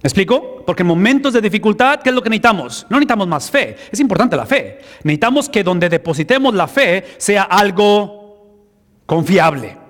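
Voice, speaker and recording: High-voiced man preaching in a reverberant hall. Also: very animated, fairly quick, a bit bright. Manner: emphatic, asks the congregation rhetorical questions. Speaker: pastor. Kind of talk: sermon.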